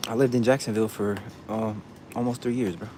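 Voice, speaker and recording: A man's voice: fairly low pitch, steady tone, brisk, a little mellow, a little hiss or hum. A man answering viewers' questions in casual chat, blunt and profane, tossing "bro" into nearly every thought.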